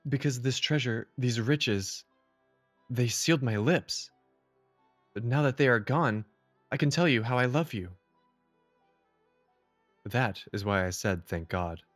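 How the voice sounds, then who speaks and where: An actor playing an earnest, gentlemanly Victorian doctor in a period mystery audio drama. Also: male voice, medium pitch, lively intonation, measured pace, long pauses, no echo, faint music behind. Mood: tender confession.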